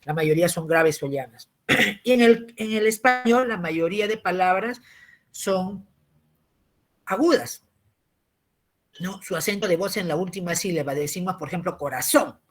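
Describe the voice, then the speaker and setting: A man, giving a civics lesson as a teacher. He explains patiently, often tags his points with a question and clears his throat. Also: sits high, moderate pace, pauses often.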